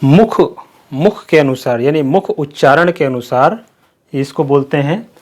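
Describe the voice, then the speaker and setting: A male Hindi grammar teacher with a somewhat high-pitched voice. He walks through the lesson slowly, drills each point by repeating it, and poses questions that he answers himself. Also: darkish tone. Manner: slow, repetitive explaining with questions to the class. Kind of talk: classroom-style lesson.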